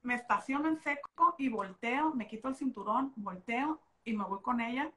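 Mexican woman co-host, slightly high voice, lively slangy storyteller, casual podcast chat. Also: moderate pace. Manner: animated storytelling, slangy, expressive. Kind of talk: casual chat about motherhood.

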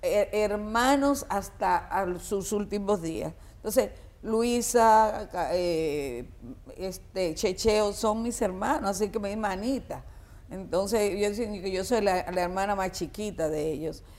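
A woman's voice: mid-range voice, unhurried, darkish tone. An older woman from the Dominican Republic with a Dominican accent, a singer reminiscing in an interview with many fillers and restarts. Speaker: guest singer.

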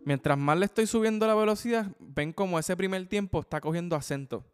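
Drum teacher a resonant voice. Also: male voice, high voice, brisk, clear, resonant tone, soft background music. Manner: explains with frequent "ok?" and "¿verdad?" checks, counts sticking aloud. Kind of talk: instructional video lesson. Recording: long hall reverb.

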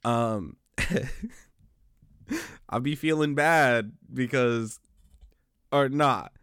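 A man's voice: medium pitch, extremely slow, a bit bright, smooth, dry recording, clean studio sound. A man co-hosting a podcast, telling slangy, laid-back stories about his work as a teacher in a casual chat. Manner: laid-back, slangy storytelling with frequent restarts. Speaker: podcast co-host; special education teacher.

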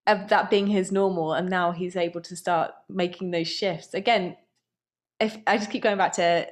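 A woman with a fairly low voice speaks as a guest on a podcast. She talks in a thoughtful, earnest way, with fillers and restarts. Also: steady tone, normal speed. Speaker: guest, app founder. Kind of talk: casual conversational interview.

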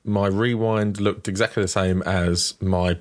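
Low-voiced male podcast co-host. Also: fairly even intonation, a little slow, no room sound. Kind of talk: casual podcast chat.

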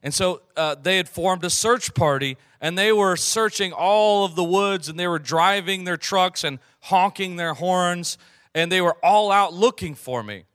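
Earnest man preaching with a bright voice. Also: sits high, no room sound, studio quality. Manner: earnest, slows down and softens on key phrases; frequent throat clearing and fillers. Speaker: pastor. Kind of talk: sermon with personal storytelling.

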